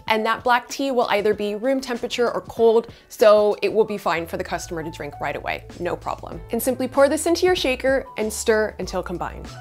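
A woman in her thirties hosting a bubble tea recipe tutorial, explaining each step in a bright, upbeat way on a studio kitchen set with a lapel mic. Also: fairly high pitch. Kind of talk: scripted cooking tutorial. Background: soft background music.

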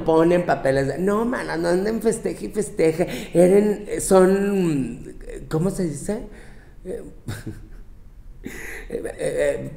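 A man voicing a bossy young Mexican woman with a Mexican accent, lecturing her girlfriends in a profane, scolding comic monologue. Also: fairly high pitch. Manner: brash, profane, scolding, with mocking quoted voices. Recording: roomy, echoey room.

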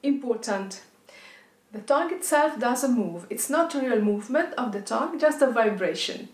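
Female Italian-accented language teacher, slightly high voice, enunciating rolled R drills in a roomy recording. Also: lively intonation, moderate pace. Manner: demonstrates rolled R exercises, enunciating example words. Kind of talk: instructional pronunciation lesson. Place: indoor studio with plain backdrop.

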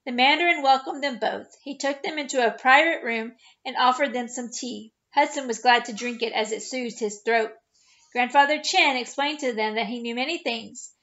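High-voiced woman reading a storybook. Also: moderate pace, lo-fi sound. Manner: steady, expressive read-aloud narration. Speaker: children's ministry storyteller. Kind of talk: reading a chapter book aloud.

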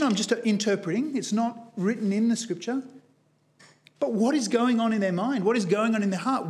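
A man preaching a sermon in a church, earnest and emphatic, telling a story with shifting pace. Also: sits high. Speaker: guest preacher.

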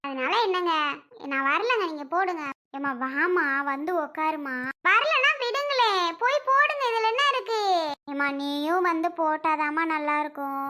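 A woman's voice: very high voice, moderate pace, bright, forceful tone. A woman voicing several bickering and tearful women relatives in a family skit, talking in a chatty, exclamatory way. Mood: pleading.

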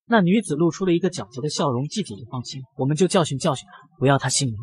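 Guy racing through comic recap narration, husky voice, fairly high. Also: lively intonation. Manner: brisk storytelling. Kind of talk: scripted narration.

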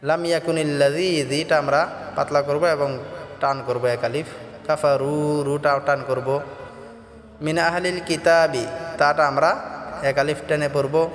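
A man's voice: fairly high pitch, steady tone, measured pace, pauses often, reverberant, in a large hall, slight background noise. A man teaching Quran pronunciation, patiently explaining each sound step by step.

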